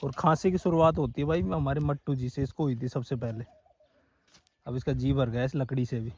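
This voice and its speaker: Hoarse man vlogging outdoors. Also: mid-range voice, fairly even intonation, fairly quick, a little mellow. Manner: chatty, keeps calling viewers "brother". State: hoarse, sore throat. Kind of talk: casual outdoor vlog narration. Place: outdoors on sand dunes and a forested hill.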